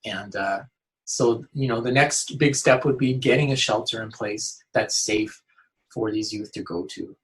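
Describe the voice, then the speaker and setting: In a casual interview, a youth outreach worker speaks earnestly, often restarting his sentences and saying "you know" a lot. His voice is fairly low and steady, with a measured pace, and the recording is rough.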